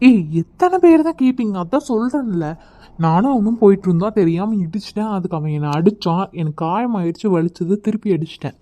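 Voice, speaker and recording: A woman's voice: on the low side, fast, hardly any pauses, warm tone, natural voice. Woman voicing a defensive cartoon college boy. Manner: defensive, curt. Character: injured young male college student, defensive. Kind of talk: cartoon voice acting.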